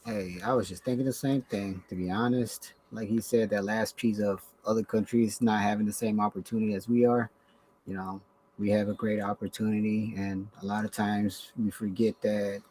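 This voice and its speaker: A man's voice: fairly low pitch, a little mellow. A man from Somalia talking casually and reflectively on a podcast, with frequent "you know" fillers. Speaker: podcast guest. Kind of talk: casual chat.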